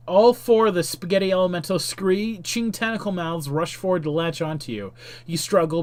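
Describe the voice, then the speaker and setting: A man hosting a game stream reads the on-screen text aloud as he plays. His voice sits a little high, and he drops into casual, chuckling asides between the narration. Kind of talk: reading game text aloud while playing.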